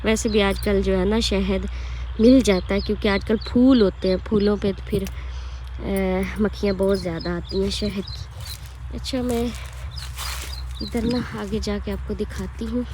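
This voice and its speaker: A young woman, slightly hoarse, chatting casually to viewers as she vlogs while walking through farm fields. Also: mid-range voice, steady tone, measured pace, warm tone, slight background noise. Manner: chatty, rambling, addresses viewers directly. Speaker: village vlogger and mother. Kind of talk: casual walk-and-talk vlog.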